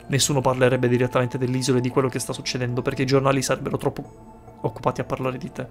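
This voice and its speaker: A man reading aloud a manipulative male villain's game dialogue in a hushed, insinuating voice, with faint game music behind. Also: medium pitch, monotone, racing, natural voice. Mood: scheming. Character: scheming manipulative male villain, smooth-talking.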